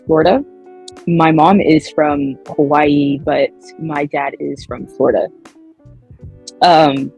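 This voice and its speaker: A woman in her twenties introducing herself haltingly, with pauses and fillers. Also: deep voice, gravelly, a little mellow, poor audio. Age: 20s. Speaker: interviewee. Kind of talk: casual interview answers.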